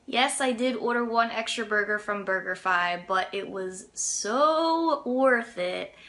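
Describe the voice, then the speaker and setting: A woman's voice: medium pitch, expressive, takes it slowly, a bit bright, a little hiss or hum. A young adult woman hosting a food review, talking casually to camera with lots of "you know" and "like". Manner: chatty, with fillers like "you know" and "like".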